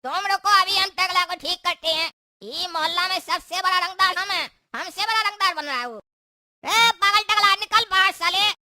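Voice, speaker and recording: Bragging cartoon guy, super high and bright, teasing. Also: brisk, no room sound, exaggerated voice. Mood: brash. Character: boastful cocky young male troublemaker.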